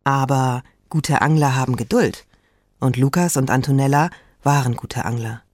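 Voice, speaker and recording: A storyteller reads a children's tale with lively, expressive delivery, slowing down now and then to let a moment land. The voice sits at an ordinary middle pitch. The recording is close and very dry, with no room sound at all. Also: no room sound. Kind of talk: scripted children's story narration.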